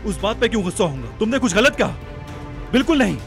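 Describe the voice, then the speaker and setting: एक अभिनेता एक गुस्सैल, ज़िद्दी जवान पति का किरदार निभाता है, ऊँची और तेज़ बहस करता हुआ।. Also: male voice, mid-range voice, brisk, over music, close to an everyday voice. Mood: angry. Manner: shouting, forceful, argumentative. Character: hot-tempered young husband, proud and stubborn. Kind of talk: television drama acting.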